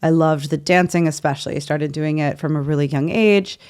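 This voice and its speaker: A woman's voice: sits low, fairly quick, darkish tone, clear, resonant tone. A woman in her thirties from Virginia, chatting playfully and openly as a podcast guest. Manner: chatty, playful, laughs easily. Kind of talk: casual interview chat.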